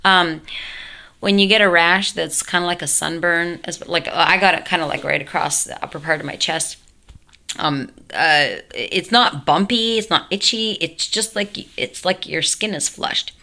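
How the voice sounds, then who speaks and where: At home, a young woman vlogs to camera, telling her story casually in a rambling, self-interrupting way full of fillers. Her voice, altered by a tracheotomy, is fairly low, gravelly, bright and forceful, at a measured pace.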